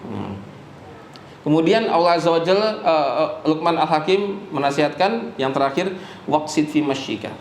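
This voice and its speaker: A man's voice: on the high side, animated, normal speed, a little hiss or hum. A man giving a mosque study lecture as an Islamic teacher, hesitating with fillers and answering his own questions. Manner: asks rhetorical questions and answers them. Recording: echoey mosque room.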